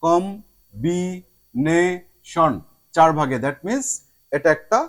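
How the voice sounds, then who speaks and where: A man with a high voice teaches a spoken lesson to his viewers. He slips English phrases into his sentences and drags each example word out slowly so it can be heard part by part. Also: lively intonation, faint music behind. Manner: slow drawn-out word demonstrations; mixes English phrases into speech.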